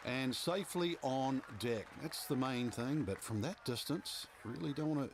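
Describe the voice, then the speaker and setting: A man's voice: mid-range voice, moderate pace, a crowd in the background, noisy background, natural voice. A man working as a golf commentator and analyst, explaining shots in colloquial terms for a video game. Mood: explanatory.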